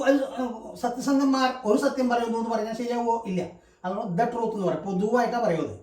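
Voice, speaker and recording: A man's voice: high-pitched, a little mellow. A male English grammar teacher giving a lesson, explaining step by step and repeating example words. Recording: roomy sound from a distant mic.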